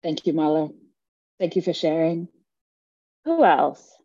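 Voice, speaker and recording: A Jamaican workshop facilitator with a low-pitched, husky, warm voice teaches a live online session in an animated but unhurried way. She speaks earnestly and emphatically and checks in often with listeners, recorded dry with dull audio.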